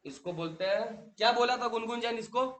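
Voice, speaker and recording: A man's voice: very high voice, a little fast, a bit bright, a little hiss or hum. A male teacher lecturing a class, drilling students with repeated questions and calling them beta.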